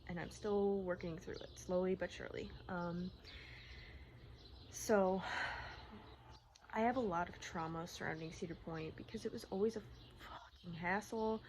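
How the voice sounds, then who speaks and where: A woman talking candidly in a personal vlog, in a rambling, halting, casual way, often repeating herself. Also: on the low side. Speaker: personal vlogger. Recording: clearly noisy outdoor-like ambience, birdsong. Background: birdsong and environmental noise.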